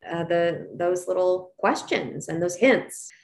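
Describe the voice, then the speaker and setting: A woman in her forties, a pediatric dentist appearing as an interview guest, speaks candidly and reflectively with frequent restarts and lots of "you know." Her voice is lowish, slow, and creaky.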